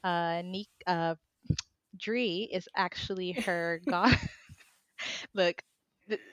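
A woman's voice: fairly low pitch, drawn-out words, a bit bright, no echo. A young adult woman guesting on a podcast, chatting in a bubbly way and laughing often. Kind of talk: casual podcast chat. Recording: dull, dry lo-fi sound.

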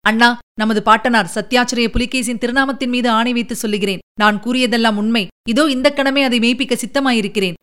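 A woman giving voice to a proud, commanding emperor from a classic historical novel. He speaks in stately, formal sentences, and the voice stays smooth and clear, sitting a little high. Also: steady tone, brisk, hardly any pauses, a bit bright, natural voice. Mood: earnest. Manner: stately, formal, pleading then insistent. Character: proud middle-aged male emperor, commanding. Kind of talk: audiobook character reading.

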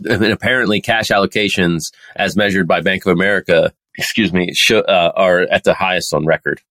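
A man with a low voice co-hosts a casual finance podcast, cracking jokes and swearing as he reads out news quotes. The sound is dry and close to the mic. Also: steady tone, a little fast, pushed and bright, no echo. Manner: joking, swears, laughs often, reads quotes aloud. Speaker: podcast co-host.

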